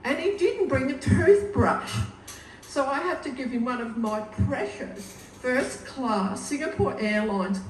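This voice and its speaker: Older woman giving a slow, echoey eulogy. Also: sits high. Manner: halting, unscripted, wryly humorous storytelling. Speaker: sister giving a funeral eulogy. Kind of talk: informal funeral speech with anecdotes. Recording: echoey room, distant mic, background noise.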